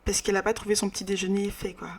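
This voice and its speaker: Woman chatting through her game, slangy and loose, lots of ums, mid-pitched voice. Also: flat delivery, rapid-fire, slightly rough. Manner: slangy, chatty, many fillers. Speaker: game narrator. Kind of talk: casual let's-play narration.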